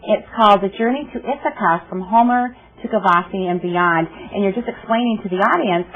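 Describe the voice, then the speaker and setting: A woman's voice: medium pitch, a little fast. Enthusiastic woman TV host, tinny sound. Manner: friendly, enthusiastic, repeats words. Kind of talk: local cable TV interview. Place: TV studio set. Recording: tinny phone-like old TV audio.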